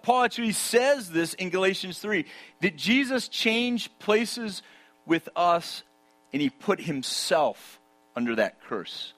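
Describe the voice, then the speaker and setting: A man with a slightly high-pitched voice preaches a sermon, leaning on rhetorical questions and emphasizing his points hard. At key moments he drops to a hushed tone.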